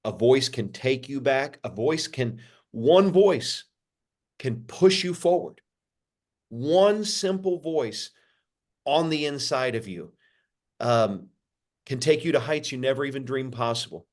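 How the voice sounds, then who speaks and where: A pastor, a man, answering interview questions in a sermon-like way, repeating phrases and lifting his pitch for emphasis. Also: expressive, takes it slowly. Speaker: pastor, podcast guest.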